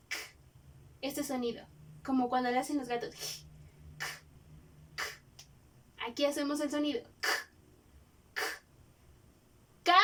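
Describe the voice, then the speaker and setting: A woman teaches letter sounds to young children. She speaks slowly and draws out each sound with care, in a high voice. Her voice comes from a little way off the microphone. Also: distant mic. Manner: slow, clearly drawn-out letter sounds. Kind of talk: phonics lesson for young children.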